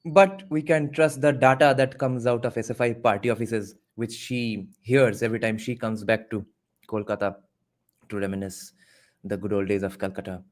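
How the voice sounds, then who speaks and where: A man with an Indian accent giving mocking, laughing commentary over a clip as a streamer. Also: lowish voice. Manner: sarcastic, laughing, swears. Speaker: reaction streamer.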